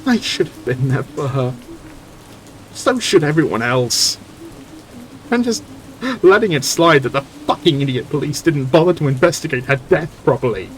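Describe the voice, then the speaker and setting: Man reading as a grieving young woman, heated, indignant, lively pitch swings. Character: grieving furious young woman confronting townsfolk.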